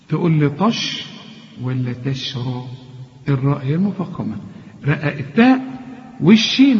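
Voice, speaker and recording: A man with an Egyptian accent teaching Quran recitation, correcting mistakes and slowly demonstrating each word. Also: a little high, slight background noise. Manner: corrects learner's mistakes, demonstrates words slowly and repeats them. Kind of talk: tajweed lesson, explaining and modeling recitation. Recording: dull lo-fi recording with long reverb.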